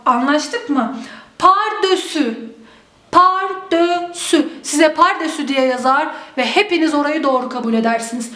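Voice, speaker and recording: Woman teacher with a really high voice, spelling drill, echoey room. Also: fairly bright tone. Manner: drills words slowly, stretching them out; addresses students directly, checks in often. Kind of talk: exam-prep spelling lesson.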